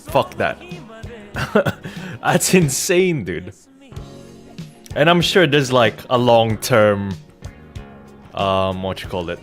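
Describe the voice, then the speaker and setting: With lively intonation and a mid-range voice, a man streaming a game takes things slowly, leaving long pauses. He jokes around informally and irreverently, swearing casually as he rambles, recorded on a Rode NT1-A studio condenser with music behind him.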